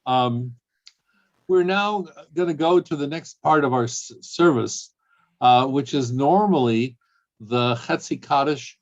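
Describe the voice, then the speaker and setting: The man hosting this service over video call speaks slowly at medium pitch. He comes across as playful and hesitant, with frequent ums, and the lo-fi call audio sounds dull.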